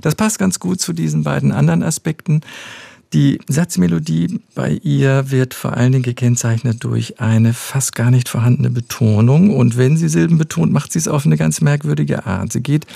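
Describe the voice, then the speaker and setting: A male professor with a heavily gravelly, creaky voice explains things in a measured, precise way. His tone is dark and mellow, and the recording is dry and close. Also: fairly high pitch, fairly even intonation, no room sound. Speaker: speech scientist, professor. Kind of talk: expert interview answers.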